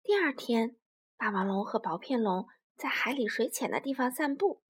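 A woman narrates a children's story in a high, bright voice. Her delivery is very animated and expressive, swooping up and down, and she voices the story's sound effects herself. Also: moderate pace, husky.

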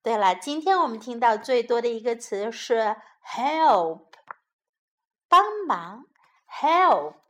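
Slow, gentle woman storyteller for children. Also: on the high side, expressive. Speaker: children's English teacher. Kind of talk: bilingual children's story narration.

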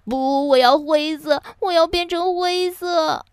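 A woman's voice: sits high, takes it slowly, dry recording, studio quality, voice pushed up. A woman voicing a stubborn little male wolf who insists and whines. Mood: whiny insistent. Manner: insistent, whining, then bold. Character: stubborn little green wolf boy, whiny and proud.

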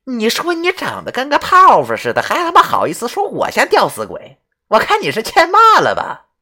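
A woman voicing a lecherous, rowdy old male ghost who blusters loudly and swears. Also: a bass voice, very animated, normal speed, full character voice. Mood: furious. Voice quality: swaggering, foul-mouthed, loud bluster. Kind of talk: audio drama acting.

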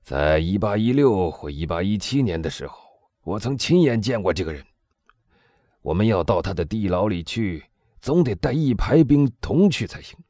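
A man voicing an excitable prison inspector. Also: fairly low pitch, moderate pace, no echo, clean studio sound, pitched above the performer's own voice. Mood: talkative. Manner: loud, eager, exclaiming. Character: excitable middle-aged male prison inspector. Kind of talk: audiobook dialogue reading.

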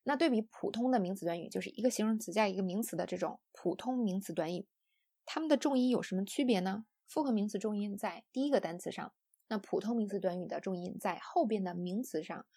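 A young woman from China teaches English pronunciation in a patient, explanatory way, scattering soft fillers as she goes. Her voice is mellow and a little husky, in a middling register. The sound is dry and close. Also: mid-range voice, no echo. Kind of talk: online audio lesson.

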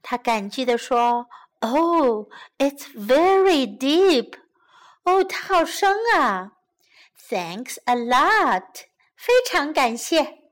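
A small, timid rabbit from a children's storybook, as a woman reads her out. The voice sits high and bounces around, every word stretched out slowly. The rabbit sounds anxious and pleading. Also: big pitch swings, full character voice. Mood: grateful. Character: timid little rabbit, easily scared. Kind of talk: bilingual children's storybook reading.

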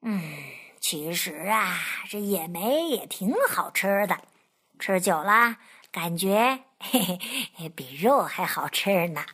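A woman's voice: fairly low pitch, lively intonation, takes it slowly, a bit bright, breathy edge, voice pushed down, exaggerated voice. A woman voicing a hungry, sly male fox in a storybook, stammering and grumbling to himself. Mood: musing.

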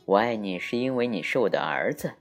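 A man voicing a loving father who answers his son warmly in a children's story. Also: on the low side, lively intonation, a little fast, faint music behind, lightly acted.

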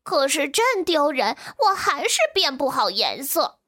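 A woman's voice: high-pitched, sing-song, a little slow, bright, forceful tone, no echo, clean studio sound, voice pushed up, exaggerated voice. A woman voicing a timid, fretful young male chameleon who stammers and sighs in a storybook reading. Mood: glum. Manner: stammering, sighing. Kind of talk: storybook character voice.

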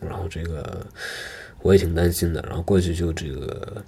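A man's voice: sits low, steady tone, normal speed, mellow, slightly rough. A man casually telling a personal story, hesitant and rambling, with many filler words.

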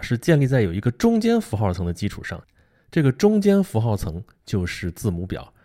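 A man's voice: fairly low pitch, mellow. A man giving a casual spoken lecture about a book, often asking the listener rhetorical questions. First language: Mandarin Chinese. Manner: conversational, asks rhetorical questions. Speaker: book explainer.

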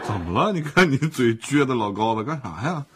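A man's voice: medium pitch, expressive, a little fast, heavy background noise, close to an everyday voice. A middle-aged actor playing a jokey, placating father in a family sitcom who chuckles as he soothes his wife. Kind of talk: sitcom acting.

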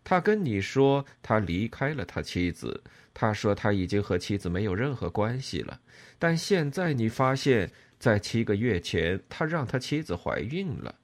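Man reading as a calm, cultured young man. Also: lowish voice. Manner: calm, measured, softly persuasive. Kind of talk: audiobook reading.

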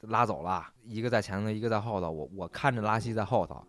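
A man's voice: lowish voice, fast talker, fairly bright tone. A young man telling a drinking story in casual podcast chat, swearing often and laughing through his punchlines.

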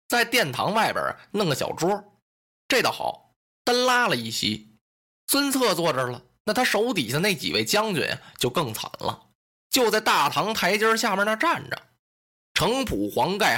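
A man telling a traditional historical story in animated, colloquial narration. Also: high voice.

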